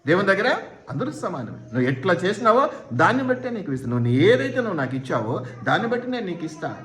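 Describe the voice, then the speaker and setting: Pastor, male, fairly high voice, preaches with pointed rhetorical questions, echoey church hall. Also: big pitch swings, fast talker, a bit bright. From India. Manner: rhetorical questions, quotes imagined speakers. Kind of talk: sermon.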